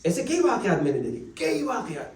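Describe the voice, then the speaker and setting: A man's voice: sits high, huge pitch swings, a little mellow. A male Islamic cleric giving a religious lecture, telling stories and acting out the voices of the people in them. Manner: storytelling, acts out quoted voices. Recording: echoey hall, mic at a distance.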